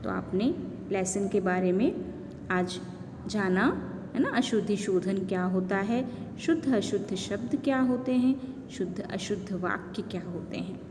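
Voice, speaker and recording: A woman's voice: medium pitch, a little slow. A woman teacher giving a lesson to young children, explaining patiently and often checking in with short tag questions. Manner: addresses young children directly. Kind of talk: slow explanatory classroom lesson. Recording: long reverb, faint background noise.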